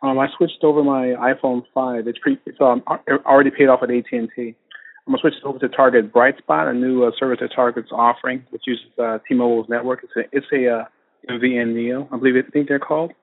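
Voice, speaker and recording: A man calling in to a radio show, leaving a casual voicemail that is played over a phone line, rambling and halting with fillers and restarts. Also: mid-range voice, steady tone, no room sound. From Texas, USA. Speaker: caller.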